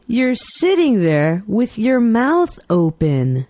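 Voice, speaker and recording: A woman reading everyday dialogues aloud for English learners with clear, deliberate enunciation. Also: a little high, huge pitch swings, warm tone, dry recording. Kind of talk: slow scripted dialogue reading.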